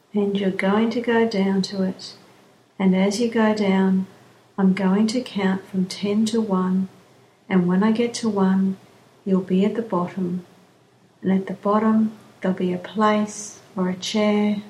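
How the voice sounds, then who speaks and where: A woman slowly leading a guided relaxation session in a soothing, drawn-out way. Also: medium pitch, mellow, slight background noise. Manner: slow, soothing, drawn-out phrasing. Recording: roomy echo, faint background ambience.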